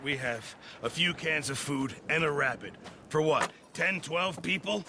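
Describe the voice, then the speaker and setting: An actor playing a defensive, blustering camp cook and old navy hand in a video game drama. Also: male voice, on the high side, a little slow, background noise.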